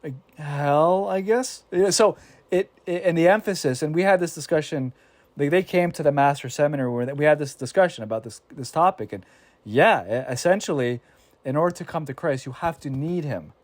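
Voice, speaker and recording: A man leads a casual Bible discussion in an animated way. He stumbles and restarts often and slips into voices when he quotes others. The sound is dry and close. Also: on the high side, a little fast, dry recording. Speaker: Bible study teacher.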